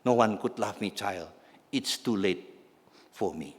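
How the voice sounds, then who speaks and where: Brief: preacher as a slow, quiet, despairing vagrant, reverberant church hall. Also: male voice, lowish voice. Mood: hopeless. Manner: slow, subdued. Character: broken, hopeless homeless older man.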